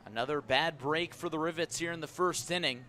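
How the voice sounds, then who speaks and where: Here an American radio announcer handles live baseball play-by-play in a brisk, sharp voice that sits on the high side. Background noise from the live broadcast includes the sounds of the ballpark.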